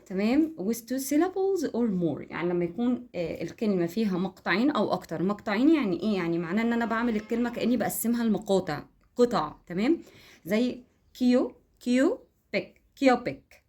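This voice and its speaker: A woman's voice: medium pitch, a little mellow. A woman with an Egyptian Arabic accent, giving a casual English phonics lesson on her home vlog, explaining step by step and often checking that viewers follow. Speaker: home and English teaching vlogger.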